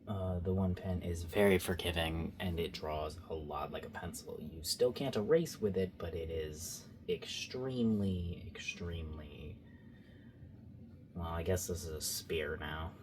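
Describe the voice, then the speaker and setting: A man's voice: low-pitched, unhurried, noisy background. A young man giving casual, rambling commentary while he draws, joking and poking fun at himself. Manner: rambling, self-mocking and goofy. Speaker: art vlogger.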